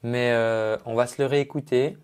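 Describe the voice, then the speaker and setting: A man's voice: mid-range voice, steady tone, normal speed, a little mellow, clear, resonant tone. A man working as a vocal coach, giving a chatty, explanatory spoken analysis of a singer's technique. He uses singing jargon and talks into his own microphone at a computer.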